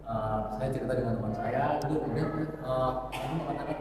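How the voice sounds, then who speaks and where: A man's voice: mid-range voice, a little fast, a crowd in the background. A man in the audience asking a question at a mosque talk, hesitant and with fillers. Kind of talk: question from the floor. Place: mosque hall. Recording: distant mic in echoey crowded hall.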